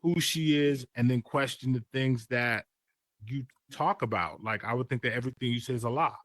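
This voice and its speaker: American man, medium pitch, opinionated and emphatic in casual chat, very dry recording. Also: normal speed, fairly bright tone, no echo.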